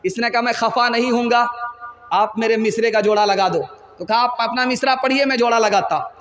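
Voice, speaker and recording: High-voiced preacher man, echoey hall. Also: fairly even intonation, a little fast, fairly bright tone, faint music behind. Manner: storytelling with sung verse lines. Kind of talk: humorous sermon.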